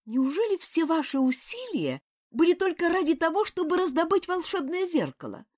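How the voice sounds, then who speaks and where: A woman reading the part of an excitable, indignant young princess in an audiobook. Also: normal speed. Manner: high, breathless and reproachful.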